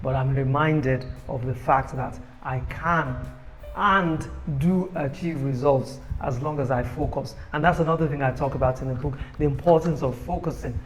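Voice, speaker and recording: Man pitching his book in a phone video. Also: moderate pace, soft background music, rough recording. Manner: upbeat, persuasive sales pitch. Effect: recorded on a phone camera. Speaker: author promoting his own book. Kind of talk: motivational self-promotion video. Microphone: phone camera.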